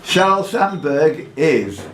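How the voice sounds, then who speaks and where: A man with a fairly high-pitched, very animated voice runs a live pub quiz, reading questions formally and chatting jokily between them at a slow pace. The pub room is echoey, with music playing behind him and crowd noise around.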